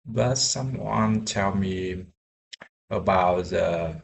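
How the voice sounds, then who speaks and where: A young man, a software engineer learning English, talking casually in a vlog, halting with many fillers and restarts. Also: sits low, gravelly, a little hiss or hum, low-quality recording.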